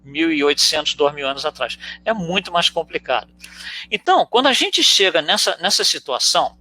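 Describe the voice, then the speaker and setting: A man's voice: a little high, big pitch swings, fairly quick, bright, forceful tone. A man with a Brazilian Portuguese accent giving a conversational spiritist teaching talk, explaining through rhetorical questions and frequent tag questions. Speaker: spiritist lecturer.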